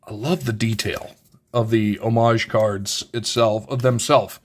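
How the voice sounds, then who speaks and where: A man with a lowish, steady, somewhat slow voice hosts his own channel, casually unboxing a card game. He thinks aloud while reading the rules and setting out the pieces, restarting often and adding asides, all while fighting the hiccups.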